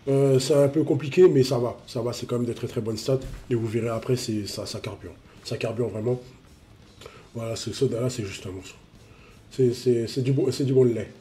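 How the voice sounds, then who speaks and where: A man's voice: mid-range voice, fairly even intonation, a little fast, warm tone, a little hiss or hum. A man with a cold, sniffling as he reviews a mobile game card in a casual, repetitive way, full of fillers. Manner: repeats himself, full of fillers.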